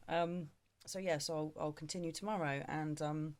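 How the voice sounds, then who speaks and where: A woman in her thirties recording a frank personal video diary, tired and drained, talking in a halting way with many pauses. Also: sits low, fairly even intonation. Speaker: vlogger.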